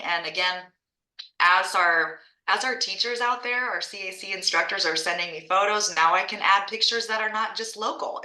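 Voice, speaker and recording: A woman's voice: on the low side, pushed and bright, reverberant, poor audio. A woman who founded an art school franchise and teaches art, presenting on a video call in a chatty, enthusiastic way and often restarting her phrases.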